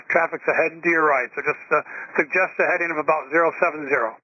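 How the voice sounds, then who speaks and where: A man working as an air traffic controller, giving insistent, somewhat halting instructions to pilots over the radio. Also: on the high side, fairly even intonation, no echo. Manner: insistent, halting with repeated starts. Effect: radio transmission. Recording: dry, muffled radio transmission.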